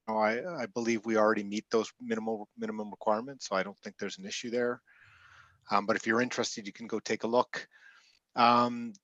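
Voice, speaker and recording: A man's voice: on the low side, fairly bright tone, no room sound. A man giving a board update in an online meeting, loose and correcting himself as he goes. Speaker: board liaison.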